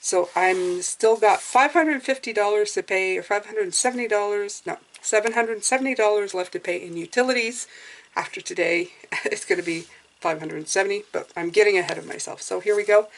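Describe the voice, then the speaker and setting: A woman's voice: mid-range voice, moderate pace. A woman with a whistling s, talking casually through her budget as a hands-on vlogger. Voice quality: whistling s from clear aligners.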